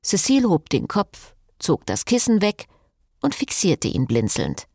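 A woman narrating a novel in an expressive, measured audiobook reading. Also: lowish voice, creaky, husky, dry recording, clean studio sound. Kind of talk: scripted narration.

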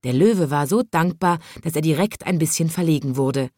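A woman reading a children's story aloud in a calm, expressive way. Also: sits low, normal speed, no room sound, clean studio sound.

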